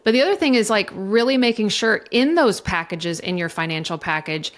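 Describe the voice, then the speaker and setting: A woman's voice: mid-range voice, lively intonation, brisk. A middle-aged woman, a divorce coach, talking candidly and emotionally in a podcast interview, swearing freely as she goes. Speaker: divorce coach and mediator guest.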